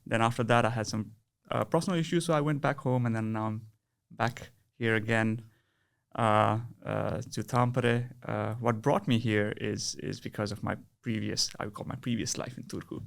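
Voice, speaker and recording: Gravelly-voiced man from Nepal, hesitant. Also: fairly low pitch, fairly even intonation, moderate pace. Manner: hesitant, many restarts and fillers. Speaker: podcast guest. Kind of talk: casual interview chat.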